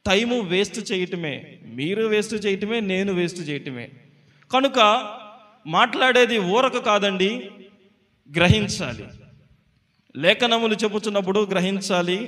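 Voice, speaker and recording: Male pastor, high bright voice, slow emphatic sermon delivery, reverberant hall. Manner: slow, emphatic preaching with repeated phrases.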